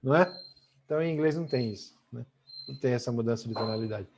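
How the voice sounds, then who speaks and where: A man's voice: medium pitch, quick pace, background noise. A middle-aged man with a Brazilian accent, teaching a chatty online language lesson and tagging almost every sentence with "né?". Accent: Brazilian Portuguese. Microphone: video call. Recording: muffled video call audio.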